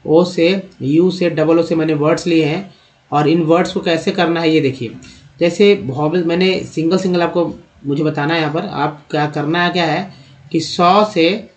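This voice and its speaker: A man teaching English pronunciation, asking and answering his own questions in a steady drilling rhythm. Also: on the high side. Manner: addresses viewers as friends. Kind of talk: explaining with written examples on screen.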